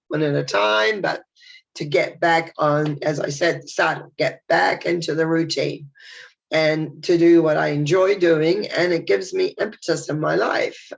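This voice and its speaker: Congested from a head cold, an older woman records a chatty, meandering video message in a deep, nasal voice with gravelly fry. She is warm and reflective, rambling and restarting as she goes, and the audio sounds dull and lo-fi.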